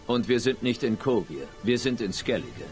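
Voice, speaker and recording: An actor playing a dry, unimpressed monster hunter in a video game, laconic and deadpan. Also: male voice, mid-range voice, moderate pace, faint music behind, natural voice. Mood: matter-of-fact.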